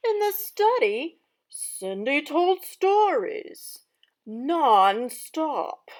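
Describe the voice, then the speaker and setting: A woman reading aloud as a haughty, exasperated wicked stepmother, narrating in a loud, theatrical storybook voice. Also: high-pitched, very animated, extremely slow, pitched above the performer's own voice, heavily acted.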